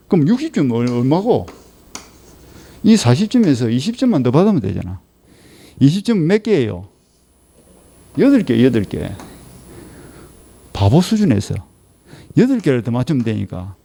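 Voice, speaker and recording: A middle-aged male law lecturer with a Gyeongsang Korean accent and a gravelly, dark voice. He lectures for an exam-prep course. He nags his class and keeps firing rhetorical questions at them. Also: mid-range voice.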